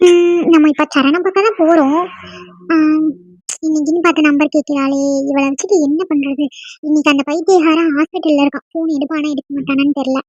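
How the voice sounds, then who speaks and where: Teasing, chatty college girls in an animated series, all voiced by a woman. The voice is pitched very high and squeaky, and the recording is close and completely dry. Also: brisk, no echo, lo-fi sound, lightly acted. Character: chatty teenage college girl friends. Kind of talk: cartoon voice acting.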